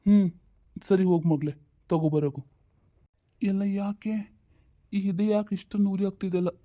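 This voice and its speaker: A woman doing a tired sick old dad, dark mellow voice, flat tone, muffled audio drama. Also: mid-range voice, normal speed, lightly acted. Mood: weary. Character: ailing old father, weary and longing for his late wife.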